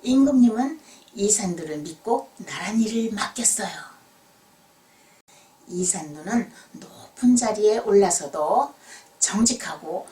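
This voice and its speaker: Woman, children's tale narration, gentle, dramatic emphasis, lively swooping pitch, slightly distant recording. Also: a little slow. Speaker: children's storyteller.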